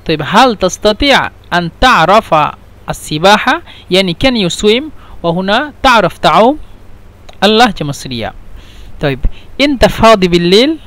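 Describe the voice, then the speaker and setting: A man's voice: high voice, very animated, a bit bright. A man teaching a language lesson, saying each phrase several times and glossing it in other languages. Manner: repeats each phrase slowly, switching between dialect, standard Arabic and English. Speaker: Arabic teacher.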